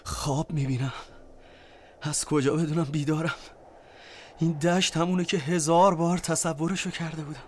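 A man acting a dreamy, free-spirited character in a poetic audio drama, musing and sometimes hushed. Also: a little high, steady tone, slight background noise, close to an everyday voice. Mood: awed, musing.

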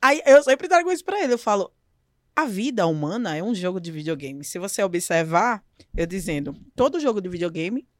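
Lady teacher, chatty storyteller, mid pitch, dry close mic. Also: fairly quick, no echo. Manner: lively storyteller, laughs often, acts out quotes. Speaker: guest teacher. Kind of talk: podcast conversation.

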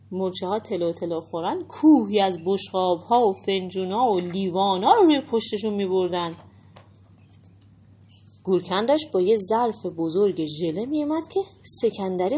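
A woman reading a picture book aloud to children, pausing to explain hard words in a lively way. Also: mid-range voice, breathy edge. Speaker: storyteller for children.

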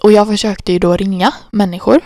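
Animated woman telling a story. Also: no echo, clean studio sound. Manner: acts out her own panic in high squeaky bursts. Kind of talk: casual chat, animated storytelling.

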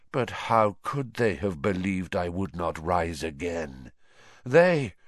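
A menacing storybook dark wizard lord, put on by a male reader. He speaks very slowly and theatrically, with big swoops in pitch and cold, deliberate disdain. The sound is close and dry. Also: no room sound, exaggerated voice.

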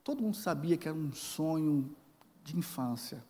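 A man's voice: on the high side, expressive, moderate pace, mellow. Brazilian pastor in his forties, reverberant hall. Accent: Brazilian Portuguese. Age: 40s. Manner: storytelling with acted dialogue, emotional swings. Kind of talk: sermon. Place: large church hall. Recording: church hall with long reverb.

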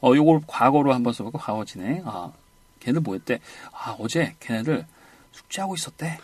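A man's voice: medium pitch, animated, a little mellow, no echo. A man teaching an English conversation lesson, prompting his student with short cues and asking for repeats. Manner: brisk prompting, repeats "one more time". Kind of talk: audio lesson drills.

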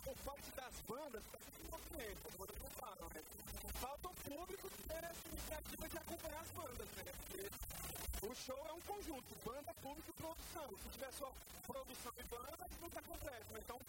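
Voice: high-pitched, animated, fairly quick, over loud music. A speaker with a Brazilian accent chatting casually and emphatically in slang during an interview. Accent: Brazilian Portuguese. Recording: very noisy live event recording.

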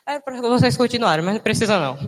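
High-voiced young man in an echoing hall. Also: animated. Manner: emotional, halting, restarts and laughs often. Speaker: church member giving testimony. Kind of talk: casual spoken testimony. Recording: long hall reverb.

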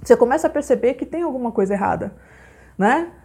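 Lady teaching, chatty, keeps tossing in little tag questions, kinda high voice, husky and mellow. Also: animated, fast. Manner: peppers speech with "né?" and "tá?" tag questions. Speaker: spiritual group teacher. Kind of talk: conversational teaching monologue.

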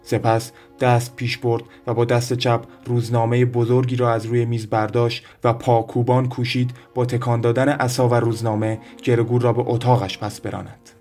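Man reading a novel aloud over soft music. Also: mid-range voice. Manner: measured, even storytelling reading. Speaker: audiobook narrator. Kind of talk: scripted literary narration. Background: soft background music.

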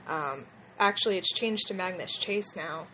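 A woman's voice: fairly low pitch, normal speed, pushed and bright, slight background noise, poor audio. Lisping woman, casual podcast host. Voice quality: lisp with slushy s sounds. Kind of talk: casual fan discussion.

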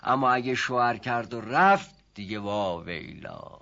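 A man's voice: medium pitch, animated, pushed and bright. An actor playing an old rustic male servant who talks in a folksy, rambling way, hesitating and then getting emphatic, in 1970s TV drama acting. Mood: musing storytelling. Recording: muffled lo-fi TV audio.

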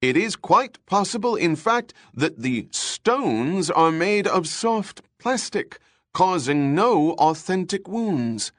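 A man's voice: high-pitched, sing-song, dry recording, pitched above the performer's own voice, exaggerated voice. A man voicing a dry, pedantic research chief. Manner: slow, deliberate, lecturing. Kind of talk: audiobook character voice.

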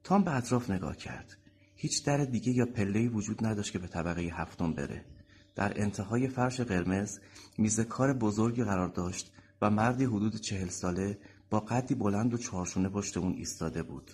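A man narrating a novel excerpt as a calm audiobook reader. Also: lowish voice, a little hiss or hum. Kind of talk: scripted narration.

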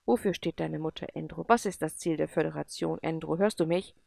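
Brief: calm, firm fatherly man, read by a woman, low gravelly voice, dry. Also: fairly quick, dry recording. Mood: stern. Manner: gentle then stern questioning. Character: caring, firm adult man, a guardian.

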